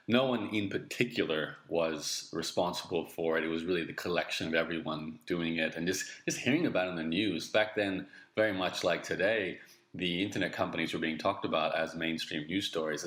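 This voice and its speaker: A man talks through interview questions in a plain, conversational way, with a very deep voice. The stream sounds low in quality because he has no proper microphone, and the recording is roomy and echoey. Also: fairly bright tone. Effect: low quality stream audio without his usual microphone. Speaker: online entrepreneur answering interview questions. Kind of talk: solo recorded answers to written interview questions. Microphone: makeshift microphone in place of his usual one.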